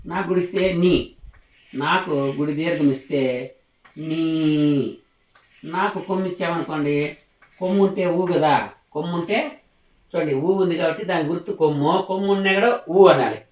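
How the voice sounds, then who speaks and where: A man's voice: a little high, normal speed, pauses often. A man teaching a lesson on writing letters, patient and repetitive, often stopping to ask whether the class has understood. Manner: patient, repetitive, asks questions to check understanding. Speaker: Telugu teacher. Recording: echoey room, mic at a distance.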